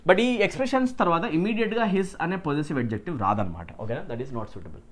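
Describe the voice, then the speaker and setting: Male English tutor, Indian English accent, slightly raised pitch, very animated up-and-down delivery, slows for key phrases, races the rest, keeps checking in with the class. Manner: mixes Telugu and English, checks in with "right?" and "okay?"; slows down to stress English phrases, speeds through explanations. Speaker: English teacher. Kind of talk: exam question walkthrough.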